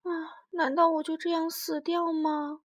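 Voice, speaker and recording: A woman voicing a male tyrannosaur in a storybook tale, a former bully who stammers and blurts out his lines loudly when flustered. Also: very high-pitched, little pitch movement, a little slow, pitched above the performer's own voice. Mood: despairing. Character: gruff male tyrannosaur, bully turned bashful.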